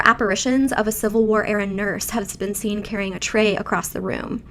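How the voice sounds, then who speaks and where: A woman narrates a scripted piece in a medium-pitched voice with a gravelly creak at the edges. Her reading is composed as narration for a ghost investigation, with faint noise underneath.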